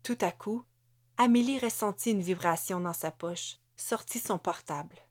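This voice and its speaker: A woman narrates a novel in a measured, steady read. Her voice sits at a middle pitch. The recording is close and dry, with no room echo. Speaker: audiobook narrator.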